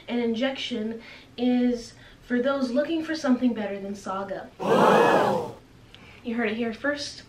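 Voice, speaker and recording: A young adult woman vlogs about books, chatting casually to camera in a playfully dramatic, self-deprecating way. Her voice is on the high side, a little slow, with long pauses. The mic sounds distant and roomy, with faint hiss.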